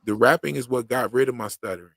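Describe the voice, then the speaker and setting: A man speaks fast in a mid-range voice that is creaky, fairly bright and breathy-edged, with no echo on the audio. He hosts a livestream for his own YouTube channel, chatting casually in slangy, rhythmic talk, and says he once had a heavy stutter.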